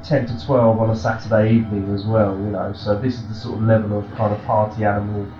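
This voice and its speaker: A man's voice: fairly low pitch, little pitch movement, fast, over music. A middle-aged man calling in over an online voice-chat link that the hosts joke is a live satellite feed, speaking in dry, self-mocking banter. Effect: lo-fi online voice-chat link joked about as a live satellite feed. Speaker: remote guest calling in. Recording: echoey lo-fi chat line with background noise.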